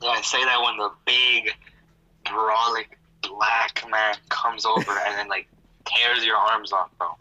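A young man chatting casually in slang while gaming, an excitable, easily scared horror game streamer. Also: fairly low pitch, unhurried. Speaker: gaming partner. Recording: dull, noisy lo-fi voice chat.

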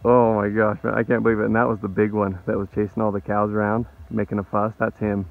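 A filmmaker outdoors recounting what he saw in animated, vivid play-by-play. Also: lowish voice, fast, gravelly. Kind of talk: excited field chatter. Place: outdoors in open country. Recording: dull lo-fi camera audio.

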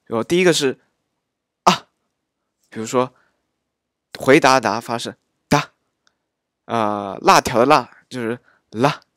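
A man teaching dialect pronunciation, speaking slowly with frequent pauses and filler sounds. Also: medium pitch, a bit bright, no echo, clean studio sound. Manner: slow, halting, many filler sounds. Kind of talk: pronunciation lesson.

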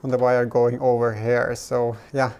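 A man in his thirties vlogs car repairs in a garage workshop and inside the back of a car, musing aloud in a casual, hesitant way. He speaks a little slowly in a mid-range, slightly mellow voice with little pitch movement, over slight background noise.

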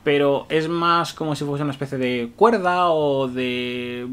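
Speaking at a measured pace, this tabletop wargame rules reviewer has a clear, resonant, fairly bright voice on the high side. He explains game rules to camera with eager enthusiasm, chuckling frequently and sprinkling in "eh" and "vale," captured as if by a webcam at a desk in a small room.

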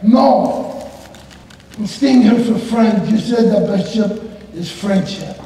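A man voicing an excited, stubbornly sweet ten-year-old girl, heard from far off in an echoey hall. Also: high voice, slow pace, gravelly, slight background noise, heavily acted.

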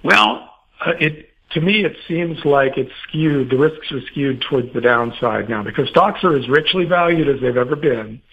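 A man's voice: medium pitch, animated, moderate pace, gravelly, hardly any pauses, slightly rough, narrow, tinny audio. A man answering interview questions as a financial commentator, rambling with many fillers and restarts.

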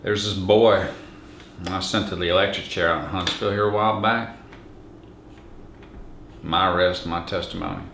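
A man performs a weary, plain-spoken Texas sheriff musing in a dramatic monologue. The voice is low and gravelly, reflective and troubled. It sounds in an echoey room. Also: steady tone, normal speed, long pauses, a bit bright. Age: 30s. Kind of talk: dramatic monologue, audition-tape acting. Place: small bare indoor room against a plain wall. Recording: echoey room, faint background hiss.

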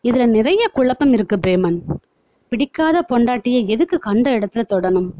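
A woman reading a story aloud and voicing a calm, clever young woman who asks measured, gentle questions. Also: a little high, no room sound, muffled recording, natural voice.

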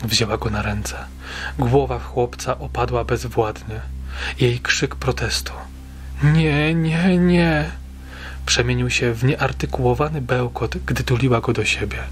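A man reading a story aloud in a steady, measured way, as an audiobook narrator. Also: mid-range voice, slight background noise.

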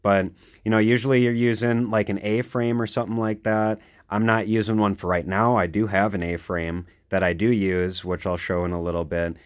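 A man's voice: fairly low pitch, level tone, normal speed. A young man casually narrating his homestead work outdoors, rambling and eager, with lots of "you know" fillers. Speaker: homesteader vlogger.

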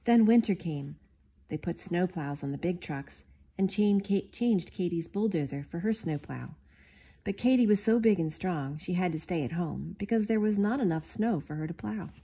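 Woman reading a storybook aloud, mellow and husky. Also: fairly low pitch, normal speed. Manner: expressive, lively character voices. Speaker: storybook reader. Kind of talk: reading a picture book aloud.

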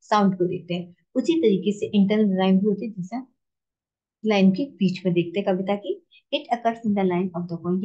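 A woman English teacher giving a lecture, explaining in Hindi and reading English lines out slowly. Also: mid-range voice, dull audio. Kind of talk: classroom lecture.

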